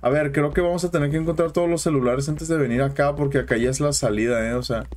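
A man's voice: fairly high pitch, fairly even intonation, fast, darkish tone. Jumpy Mexican gamer man yelping at scares. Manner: jumpy, yelps and swears at scares, chatty with viewers. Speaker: gaming channel host. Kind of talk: casual horror game commentary.

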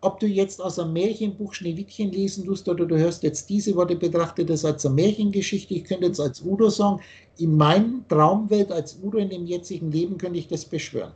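Older man, high and mellow voice, rambling spiritual lecture over a video call, insistent, lots of restarts. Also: a little fast. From Austria. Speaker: spiritual teacher.

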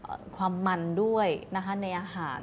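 A woman's voice: normal speed, a little hiss or hum. A woman guest on a TV talk show, explaining health advice politely and patiently, mixing English terms into her speech. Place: TV studio.

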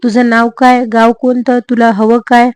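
A woman's voice: a little high, level tone, a little slow, clear, resonant tone, dry recording, lightly acted. A woman voicing a timid, anxious palace maid who questions and pleads politely. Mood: questioning.

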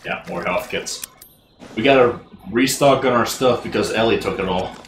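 A man's voice: on the low side, moderate pace, background noise. A man streaming a video game in casual banter, playful and teasing, with running gags. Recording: roomy echo with faint game sound.

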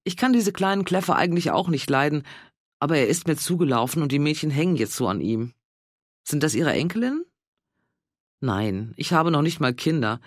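A woman's voice: deep voice, lively intonation, moderate pace, no room sound, clean studio sound. A man voicing a friendly older woman, a neighbor, speaking plainly and matter-of-factly in an audiobook.

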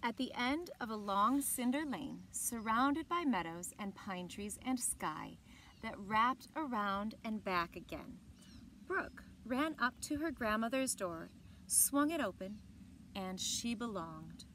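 Birds sing and outdoor ambience surrounds a woman in her thirties who reads to young listeners at library story time, seated on a lawn near evergreens. Her fairly high voice goes slowly, expressive and clearly paced, with brief asides, and a little hiss or hum is present.

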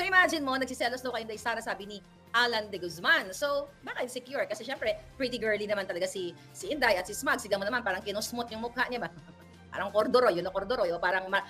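Bright-voiced woman, mocking gossip vlog. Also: fairly high pitch. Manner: chatty and mocking, with teasing nicknames and frequent laughs. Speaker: vlog host. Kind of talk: gossipy political commentary vlog.

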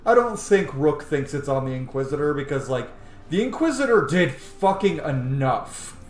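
A man in his thirties hosts a casual, sweary let's play for his gaming channel from a room at home. His voice sits on the high side with big pitch swings and a moderate pace. The room is echoey, with game music playing behind him.

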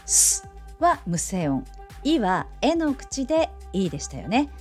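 英語の発音を丁寧に教える女性の先生で、子どもに語りかけるように楽しげに誘導する。. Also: female voice, slow pace, over music. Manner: playful, coaxing as if to children; animated, lively pitch. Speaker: English teacher. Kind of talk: pronunciation lesson.

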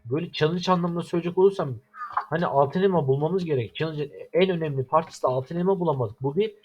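A man's voice: a little high, quick pace, breathy edge, lo-fi sound. A young man from Turkey with a Turkish accent, commenting over his own game and complaining in exasperation. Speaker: gaming YouTuber. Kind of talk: gameplay commentary.

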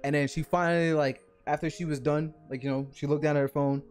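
A young man telling a personal story to camera in a casual, animated way, acting out the scenes and filling his speech with fillers. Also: fairly high pitch, quick pace, soft background music. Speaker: vlogger.

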